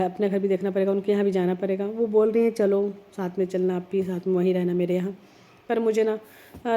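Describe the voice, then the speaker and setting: Woman vlogging with a cold, hoarse, voice real dark and flat, earnest rambling chat. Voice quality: heavy, low-sounding voice. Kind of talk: casual vlog talk.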